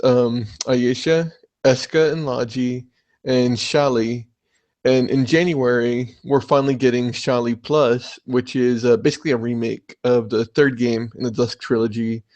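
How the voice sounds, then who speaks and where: A young man hosting a casual podcast, chatting excitedly and swearing often. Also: mid-range voice. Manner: excitable, swears a lot, animated. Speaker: podcast host.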